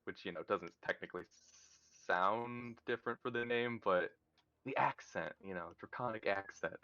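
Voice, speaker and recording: A man playing a tabletop role-playing game, casually and jokily describing his character's actions in halting phrases. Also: lowish voice, bright, forceful tone, clean tone, dry recording, dull audio. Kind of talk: casual role-play chat.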